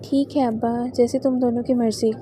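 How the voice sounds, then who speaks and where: A woman's voice: on the high side, level tone, mellow, slight background noise, natural voice. A woman reading the lines of a stubborn, hot-tempered young village man who talks in an irritated, complaining way. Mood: grudging.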